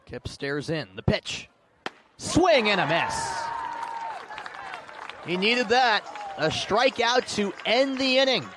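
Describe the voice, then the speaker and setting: High-pitched and sing-song, a man speaks slowly and pauses often while calling a game on live radio outdoors at a ballpark or sports field, with crowd noise and faint background noise around him. He describes the action in detail and gets more intense during big plays.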